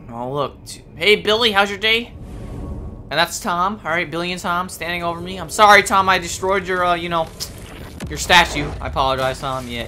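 A young man casually commenting on his gameplay, excitable, swearing and joking and talking to his horse in the game. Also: fairly high pitch. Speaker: gameplay streamer. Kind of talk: casual let's play commentary. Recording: game music loud behind the voice. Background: video game music and sounds.

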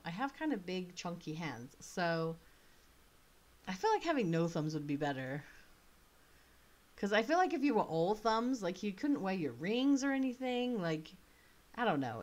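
A woman in her thirties with a slight British accent plays an online choice game in a small indoor room, chatting casually and thinking aloud. Her voice is fairly low and a little mellow, with big pitch swings and a moderate pace, as the author offers relaxed commentary.

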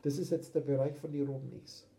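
A man's voice: fairly high pitch, fairly even intonation, fast, creaky, mellow, slight background noise, low-quality recording. A man with a German accent giving an emphatic, preachy spiritual talk, repeating his points. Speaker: spiritual teacher. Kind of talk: philosophical talk.

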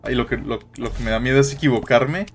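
A man giving jittery, excitable let's-play commentary, tossing in English slang as he plays. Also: mid-range voice, quick pace, a little hiss or hum. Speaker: gaming YouTuber.

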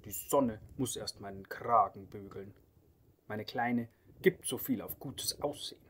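A vain, fussy male bear fretting in a slow, soft storybook voice, as a man puts him on. A faint hiss runs behind the reading. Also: lowish voice.

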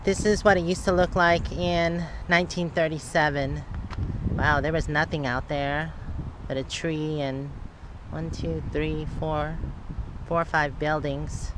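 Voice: medium pitch, unhurried. A vlogger narrating a road trip in a casual, chatty way, with fillers, filmed from inside a car and then outdoors on a hilltop. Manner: relaxed, chatty, with frequent fillers. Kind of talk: casual travel vlog narration. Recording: loud car and road noise.

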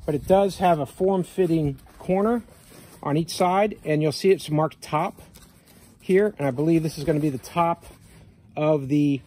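A channel host records a relaxed how-to beside a vehicle outdoors, holding his phone as he films. His fairly high-pitched voice moves at normal speed as he explains things plainly, step by step.

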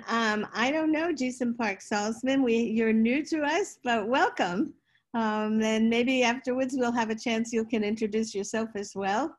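An older woman hosting a roundtable on a video call, loose and unhurried with many fillers. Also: fairly high pitch. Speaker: roundtable host. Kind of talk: online roundtable moderating. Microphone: laptop webcam, video call.

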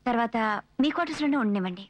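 An actress playing a formal, demanding businesswoman who gives crisp, commanding instructions. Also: a little high, animated, very fast, a little mellow, muffled recording. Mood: firm. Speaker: company boss. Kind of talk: dubbed film dialogue.

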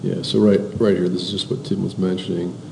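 Low gravelly dude teaching a class, kinda flat, roomy echo and some hiss. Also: male voice, fairly quick. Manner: explanatory, pointing at slides, often repeats words. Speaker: instructor. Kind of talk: classroom lecture.

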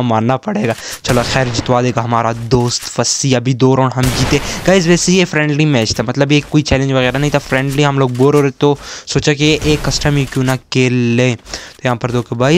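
Gaming host, male, keeps his voice low at night, steady mid pitch, gunfire from the game clearly audible. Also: noisy background. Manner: speaks softly and slowly so as not to wake others. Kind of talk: hushed game commentary. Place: storeroom at night, sitting on junk. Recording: game gunfire and clicks underneath.

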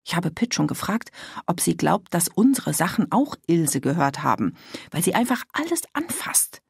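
A woman's voice: low voice, expressive, moderate pace, dry recording, studio quality. Woman doing an outraged, gossipy middle-aged mother. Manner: agitated, voice cracking with outrage.

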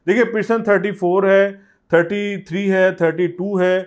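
A man in his thirties speaks with a Pakistani Urdu accent, pitching property deals straight to camera. His voice sits a little on the high side, and his delivery keeps urging viewers to buy. He is recorded close on a lapel mic in an indoor office studio. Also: steady tone, normal speed. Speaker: real estate agent.

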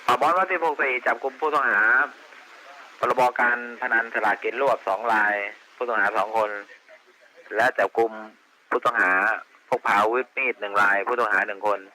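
A man's voice: mid-range voice, moderate pace, sharp tone, a little hiss or hum, poor audio. A man reading a formal coded report over a police two-way radio, listing arrests and counts in a clipped, official way. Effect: police two-way radio transmission. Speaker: police station radio operator.

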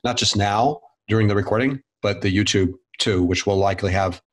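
Man, low voice, measured meetup host on a video call. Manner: measured, explaining, checks in with "right?". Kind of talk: casual video-call discussion.

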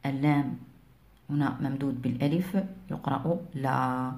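A woman teaching beginners to read, speaking slowly and clearly and repeating each sound twice. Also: rumbling low, fairly even intonation, darkish tone. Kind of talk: reading and writing lesson for beginners. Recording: echoey room.

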